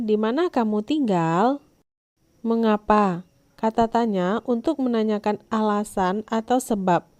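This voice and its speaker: A woman teacher, giving a scripted lesson to young children in a clear, instructive way. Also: mid-range voice, darkish tone, no echo.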